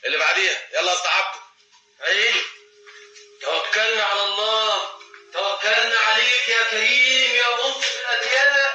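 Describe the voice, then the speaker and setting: An actor playing a bossy middle-aged man with an Egyptian accent, briskly commanding a group. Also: high-pitched, fairly even intonation, bright, forceful tone, echoey room, faint music behind, poor audio. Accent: Egyptian Arabic. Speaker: man running a test to find a thief.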